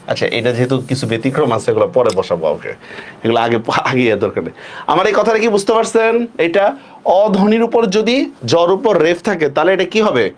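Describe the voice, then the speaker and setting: A man teaching a live online class, repeating questions and checking often that students follow. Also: high voice.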